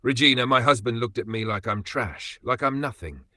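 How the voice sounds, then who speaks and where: A man's voice: mid-range voice, normal speed, sharp tone, no room sound. A man voicing a heartbroken young wife who begs her husband through tears. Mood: pleading. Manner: tearful, begging.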